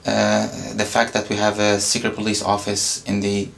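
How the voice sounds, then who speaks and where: A man's voice: on the low side, monotone, vocal fry, a bit bright. A young man from Syria, answering interview questions carefully and hesitantly. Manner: careful, hesitant, many pauses. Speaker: interview guest.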